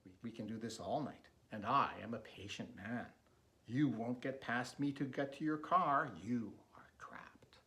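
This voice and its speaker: A man's voice: medium pitch, normal speed, bright, forceful tone, lightly acted. A man voicing a menacing, taunting male stalker with a knife in fireside storytelling. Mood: taunting menace. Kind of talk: fireside storytelling, acted dialogue.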